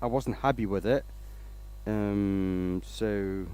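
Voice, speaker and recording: Slow-talking man greeting his stream. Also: lowish voice, warm tone, slight background noise. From Denmark. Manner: unhurried, rambling, greets viewers by name. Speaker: woodturning livestream host. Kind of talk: casual livestream chat.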